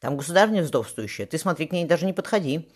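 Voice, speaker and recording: A man voicing a suspicious, gruff male palace guard in an audiobook, speaking in curt warnings. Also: fairly high pitch, animated, quick pace, voice pushed up.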